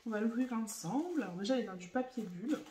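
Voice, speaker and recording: A young woman vlogger unboxing makeup in casual chat, gushing and excitable as she talks to her viewers. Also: on the high side, fast talker, slight background noise. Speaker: beauty vlogger. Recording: echoey room, voice a bit far from the mic.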